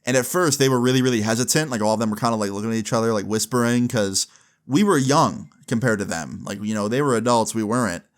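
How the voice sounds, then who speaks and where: This YouTube storyteller is a young adult man speaking quickly at a medium pitch. He tells a personal anecdote in a casual, slang-heavy, sweary way, performing snippets of the conversations as he goes.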